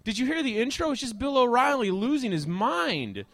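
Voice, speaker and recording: A man hosting a live talk show outdoors, rambling through a joking monologue with asides to the audience, sometimes shouting. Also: very high-pitched, very animated, normal speed.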